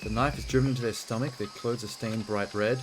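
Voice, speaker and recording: A man's voice: on the low side, fairly even intonation, fairly quick, noisy background. A man hosting a video game playthrough, giving casual, blunt and exasperated commentary and reading game text aloud. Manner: reacts exasperatedly, blunt asides. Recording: music behind the voice. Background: game music.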